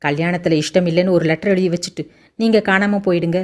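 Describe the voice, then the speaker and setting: A woman's voice: lowish voice, fairly even intonation, quick pace, natural voice. A woman voicing a nervous, polite young man pleading on his sister's behalf in a Tamil audiobook. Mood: eager. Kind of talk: audiobook character voice.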